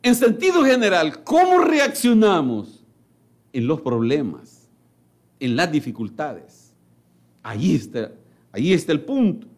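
High-voiced, slow, dramatic male preacher. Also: very animated. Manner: emphatic, with big swings in pitch and loudness; acts out voices of people in his stories. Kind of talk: sermon.

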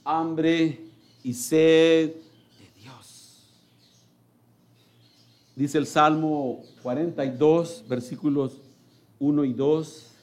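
A man preaching a sermon who addresses his listeners directly as brother and swings between loud calls and hushed remarks. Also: a little high, little pitch movement, drawn-out words, pauses often.

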